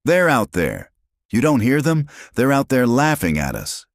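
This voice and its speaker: A man voicing a frantic male agent who gasps and shouts in a panic. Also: low-pitched, sing-song, moderate pace, no room sound, clean studio sound, voice pushed up. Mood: panicked. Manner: gasping, shouting.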